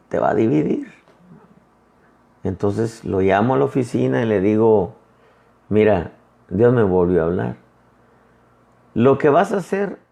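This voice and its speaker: A male pastor preaching a sermon in a conversational way, often calling his listeners brother and retelling conversations in lively quoted voices. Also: mid-range voice, gravelly.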